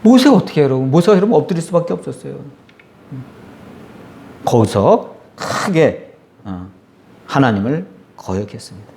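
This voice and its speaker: A man pastor preaching a sermon, telling the story with animated voices for the complaining crowd and asking his congregation questions. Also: mid-range voice, normal speed, gravelly, pauses often.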